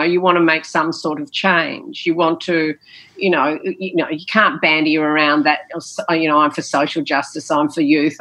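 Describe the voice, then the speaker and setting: A woman who used to be a politician tells stories in interview answers with a forceful, bright tone and a voice on the low side. She is emphatic and theatrical, repeating phrases and leaning on "you know." The recording quality is low.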